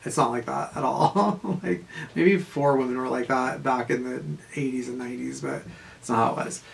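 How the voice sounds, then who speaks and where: A man, telling a casual, profane story in a rambling monologue full of fillers and quick laughs. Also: medium pitch, fairly even intonation, vocal fry, a little hiss or hum. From Southern California. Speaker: vlogger.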